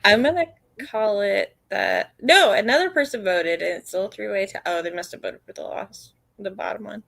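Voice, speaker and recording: Woman streamer w lots of vocal fry, teasing casual chat, dry close sound. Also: medium pitch, normal speed, fairly bright tone, no room sound. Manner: teasing, joking banter. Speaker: livestream co-host.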